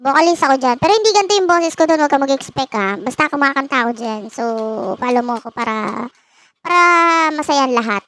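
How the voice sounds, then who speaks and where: Woman tarot host, high-voiced, playful and teasing, close dry recording. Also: lively intonation, quick pace, no echo. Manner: playful, teasing, laughs often. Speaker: tarot reader and channel host. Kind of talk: casual tarot reading.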